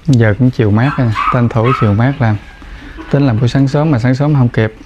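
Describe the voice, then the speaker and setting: A man's voice: a little fast, muffled recording. A man with a Southern Vietnamese accent, chatting casually on camera as a dog breeder and calling to the dogs. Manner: chatty, talks to the dogs in raised higher voice. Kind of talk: casual vlog commentary. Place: indoor dog kennel with concrete floor. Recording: noisy kennel with dogs. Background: dogs barking and moving about.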